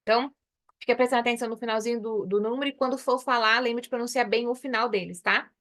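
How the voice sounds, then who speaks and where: A woman from Brazil teaching an English lesson, explaining patiently and slowly repeating English phrases. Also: a little high, fairly even intonation, a bit bright. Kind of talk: online English lesson in Portuguese.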